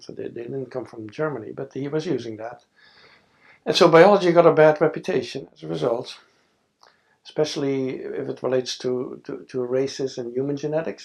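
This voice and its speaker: A Dutch man in his sixties, a scientist, speaks thoughtfully in an oral history interview, his medium-pitched voice gravelly and slightly mellow. He uses frequent fillers and restarts. The recording was made on a lapel mic in a studio with a backdrop.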